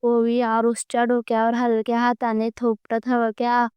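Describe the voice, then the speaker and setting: A woman's voice: fairly high pitch, monotone, normal speed, clear, resonant tone, no room sound, dull audio. A woman narrating a love story aloud, reading plainly and sometimes restarting her words.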